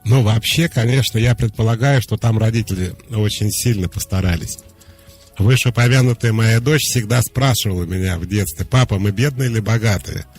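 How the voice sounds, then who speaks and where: A man hosting a radio call-in show as a psychologist, calmly explaining and giving direct advice. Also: on the low side, fairly quick, soft background music.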